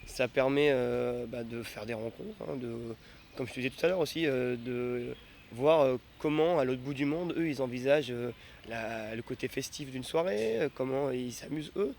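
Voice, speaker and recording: Gravelly-voiced young man, hesitant. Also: medium pitch, normal speed, darkish tone, slight background noise. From France. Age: 20s. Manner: hesitant, many fillers. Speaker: festival volunteer. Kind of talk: casual interview answers.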